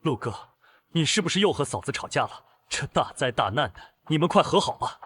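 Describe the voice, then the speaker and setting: An anxious, pleading neighbor. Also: male voice, fairly high pitch, big pitch swings, a little fast, a bit bright, slightly rough, heavily acted. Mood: wheedling.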